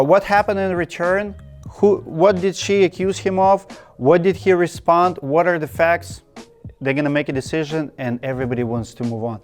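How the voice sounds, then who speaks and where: With a mid-range, darkish voice, a Russian man hosting his channel talks straight to camera in a Russian accent. He lays out earnest, direct advice point by point and hammers key ideas through repetition.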